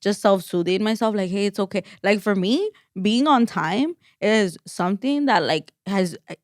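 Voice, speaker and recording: A woman's voice: medium pitch, moderate pace, no echo, studio quality. A woman co-hosting a podcast in casual chat, rambling with lots of "like" fillers and restarts. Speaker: podcast co-host.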